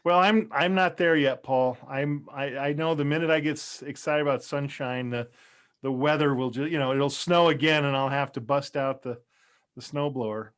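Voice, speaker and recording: A man's voice: medium pitch, normal speed, a bit bright, smooth. A man hosting a podcast in casual chat, with a jokey, folksy way of talking. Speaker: podcast host.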